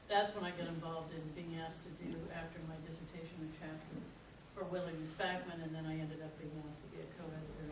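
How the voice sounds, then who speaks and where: Older lady talking fast, folksy and rambly, echoey noisy room. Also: on the low side, far from the mic. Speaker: program faculty speaker. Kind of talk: informal orientation talk.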